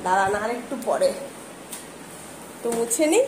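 A woman's voice: mid-range voice, lively intonation, normal speed, reverberant, background noise. A woman filming her dog at home, talking to it in coaxing baby talk and explaining to her viewers. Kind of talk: casual pet vlog narration. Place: indoors at home.

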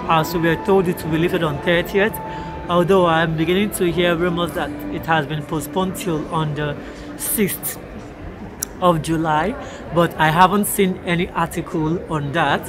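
A woman's voice: fairly low pitch, fairly even intonation, normal speed, music in the background. A tired young woman vlogging from a large indoor hall on a phone held at arm's length, talking hesitantly with many ums and uhs. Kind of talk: casual vlog update.

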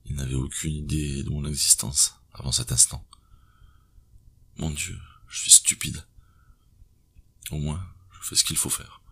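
Male audiobook narrator, very deep, husky, gravelly, tense measured thriller read. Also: steady tone, sharp tone.

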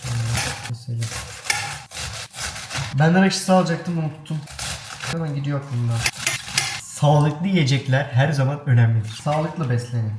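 A man's voice: a little high, normal speed, pauses often. A man chatting playfully to his viewers as he makes a salad in his kitchen at home. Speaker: vlogger. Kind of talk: casual vlog chat. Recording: echoey room, noisy background.

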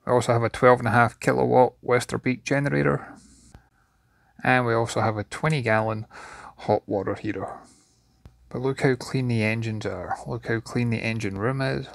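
Gravelly man touring a yacht. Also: mid-range voice, fairly bright tone, dry recording, studio quality. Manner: enthusiastic, descriptive. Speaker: yacht reviewer. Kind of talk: walkthrough tour narration. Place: inside a boat cabin.

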